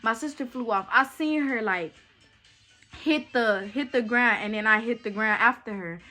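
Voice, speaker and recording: A young woman telling a story to her viewers in a chatty, animated way. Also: a little high, moderate pace, faint music behind. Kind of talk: casual storytime chat.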